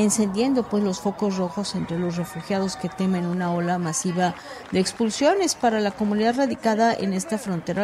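Woman doing a news report, steady, noisy background. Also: medium pitch. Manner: reads steadily, with fillers. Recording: background noise.

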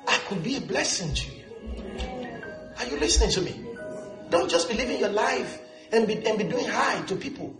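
A man preaching a sermon as pastor in a church, animated and humorous, often asking the congregation if they are listening. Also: sits high, reverberant. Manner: animated preaching with humor and call-and-response questions.

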